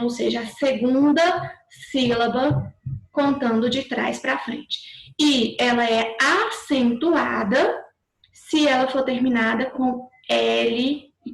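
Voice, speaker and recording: Gravelly-voiced Brazilian woman teaching. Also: a little high, echoey room, low-quality recording. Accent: Brazilian Portuguese. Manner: patient, explains step by step, repeats and rephrases. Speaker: schoolteacher. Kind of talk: recorded remote class.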